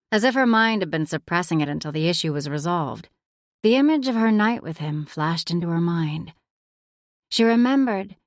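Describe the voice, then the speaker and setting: A woman narrating an audiobook in an expressive, emotive reading style. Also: lowish voice, dry recording, clean studio sound.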